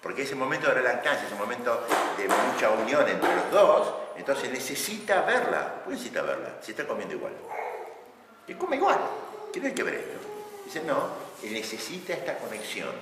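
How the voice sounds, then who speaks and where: Brief: male lecturer, very expressive pitch, distant mic in a reverberant hall with background noise. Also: normal speed. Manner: animated, acts out shouting examples, laughs often. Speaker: lecturer on couples' communication. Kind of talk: lively classroom lecture.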